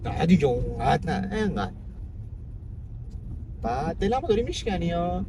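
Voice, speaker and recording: Prankster man at the wheel, lively pitch, car noise underneath. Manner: cheeky, pushy flirting, teasing questions. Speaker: prank driver. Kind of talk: hidden-camera prank banter. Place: inside a car. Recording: noisy car interior.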